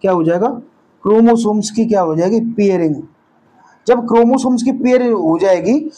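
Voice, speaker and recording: Man, teacher, high voice, mellow tone, casual lecture, repeats terms as questions. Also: low-quality recording. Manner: repeats key terms as quiz questions to listeners, casual asides; corrects own slips mid-lecture. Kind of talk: classroom-style lecture.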